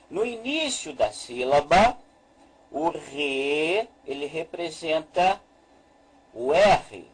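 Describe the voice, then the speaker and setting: A man teaching a slow, deliberate lesson as a Hebrew teacher, repeating each point and walking through a chart on screen. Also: a little high, slightly rough, rough recording.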